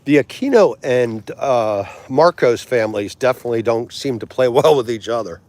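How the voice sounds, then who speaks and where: A man in his forties hosts a casual livestream, chatting with viewers, laughing easily, and trying out foreign words slowly. His medium-pitched voice is expressive with a darkish tone, and there's no echo.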